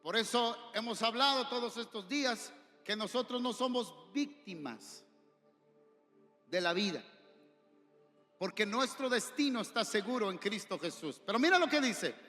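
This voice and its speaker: A male pastor with a Mexican accent preaching a sermon in a church hall, impassioned, rising to shouts and asking the congregation questions. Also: high voice, animated, normal speed. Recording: echoey hall with long reverb, faint music.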